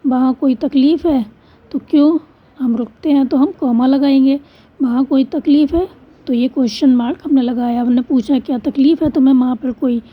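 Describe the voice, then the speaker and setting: A woman teacher with a high, slightly breathy voice talks through a school textbook exercise. She goes step by step, asking questions and answering them herself. The recording sounds muffled and lo-fi. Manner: patient, step-by-step, asks and answers her own questions. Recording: dull lo-fi recording.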